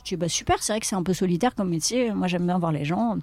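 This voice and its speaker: A woman's voice: on the low side, fast talker, a little mellow, dry recording. A woman in her thirties, an actress and comedian, chatting in an interview and laughing often as she acts out quoted lines. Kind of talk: casual interview conversation.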